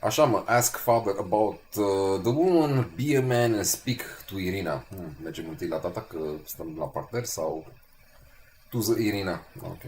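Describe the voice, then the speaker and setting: A young man giving lively gameplay commentary, ranting and cursing casually. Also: deep voice, slight background noise. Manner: animated, swears, rants. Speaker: streamer.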